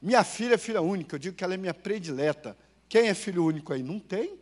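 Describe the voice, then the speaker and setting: A Brazilian man preaching a sermon as pastor in a church, telling stories, asking the congregation questions and swinging between loud and hushed. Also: sits high, animated, fast talker. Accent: Brazilian Portuguese.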